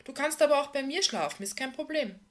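A woman voicing an exuberant, flirtatious woman in her thirties who talks loudly and eagerly. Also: high-pitched, animated, brisk, pitched above the performer's own voice. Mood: coaxing. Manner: loud, bubbly, pushy.

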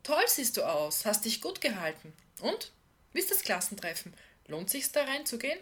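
A woman voicing an exuberant, flirtatious woman in her thirties who talks loudly and eagerly. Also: fairly high pitch, big pitch swings, normal speed. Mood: delighted. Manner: loud, bubbly, pushy.

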